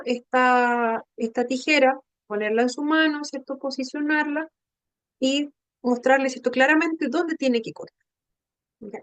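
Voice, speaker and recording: A woman's voice: high-pitched, dry recording. A woman teaching a training class, explaining patiently and checking in often with her listeners. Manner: patient, explanatory, checks in with frequent tag questions.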